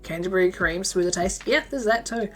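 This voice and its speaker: Here a New Zealander crochets live, speaking a little fast at a medium pitch with soft music in the background. Her talk is loose and rambling as she reads and replies to chat, occasionally murmuring stitch counts to herself.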